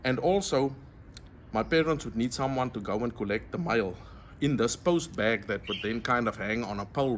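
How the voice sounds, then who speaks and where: This friendly outdoor cooking tutorial features a middle-aged Afrikaans-accented South African vlogger showing how to braai and addressing viewers as his friends. His voice is on the low side, with a little hiss or hum in the recording.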